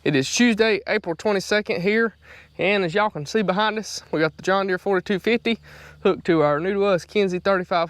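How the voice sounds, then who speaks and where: A man's voice: sits high, no room sound. A man with a Southern US accent hosts a farming vlog, chatting in a casual, folksy, plain-spoken way. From North Carolina. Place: outdoors on farm and in tractor cab. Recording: loud engine and vehicle noise.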